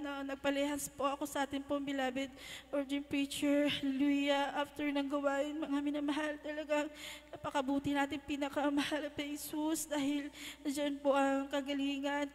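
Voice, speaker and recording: A young woman giving a religious testimony in a church, halting and polite, with frequent hallelujahs. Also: sits high. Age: young adult. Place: church hall. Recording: long hall reverb.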